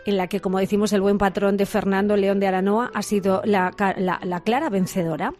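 A woman hosting a weekend radio show, lively with small hesitations. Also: medium pitch, a little fast, faint music behind. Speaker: radio host.

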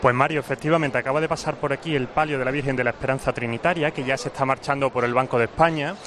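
A man's voice: mid-range voice, steady tone, racing, fairly bright tone. A man reports live from outdoor spectator stands in a chatty, agreeable way. Plenty of street noise surrounds his voice. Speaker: field reporter. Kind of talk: live event commentary.

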